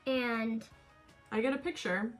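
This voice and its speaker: A woman's voice: medium pitch, animated, normal speed, a bit bright, faint music behind. A woman in her twenties chatting casually and candidly to viewers in a slangy, gossipy get-ready-with-me storytime. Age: 20s. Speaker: vlogger.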